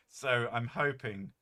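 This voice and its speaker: Casual, joking, and rambling with an odd curse, the streamer host talks on a home stream in a deep, boomy voice with a bright, forceful tone. His desk mic is placed well above his head, so he comes across a little removed from it.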